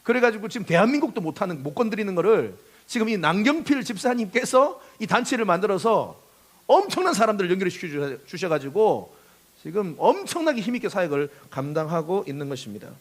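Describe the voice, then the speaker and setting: A man's voice: high voice, big pitch swings, fast. A man preaching a sermon as pastor, impassioned, acting out quoted speech and leading the congregation in call-and-response.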